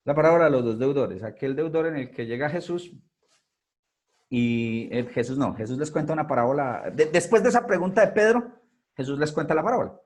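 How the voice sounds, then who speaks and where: A man's voice: on the high side, expressive, fairly quick, darkish tone. A man teaching an online Bible class from home in a conversational way, often checking in with his listeners. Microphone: video call.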